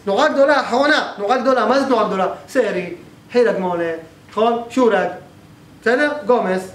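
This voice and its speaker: A male teacher giving a grammar class in a synagogue hall, explaining step by step and often checking that the class follows. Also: sits high. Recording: echoey room, faint background noise.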